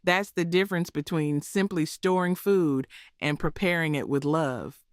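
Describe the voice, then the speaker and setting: A woman's voice: deep voice, a little slow, dry recording. A woman with a Southern US accent narrating in a homespun, preachy storytelling manner, as if passing on cooking wisdom from a script. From southern United States.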